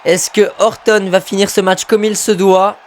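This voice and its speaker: Excitable high-voiced male game commentator. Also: moderate pace, a faint crowd. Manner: excitable, bursts into shouts at big moves, mutters asides to himself. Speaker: gamer commentating his own wrestling video game match.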